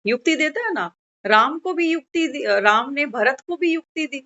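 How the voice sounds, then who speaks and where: Woman giving a spiritual talk, kinda high voice, does little voices for the story, sounds dull and lo-fi. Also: lively intonation, moderate pace, bright, forceful tone. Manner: tells a parable, acting out parent and child voices. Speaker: spiritual speaker. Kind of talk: devotional sermon with storytelling. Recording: dull, muffled low-fidelity recording.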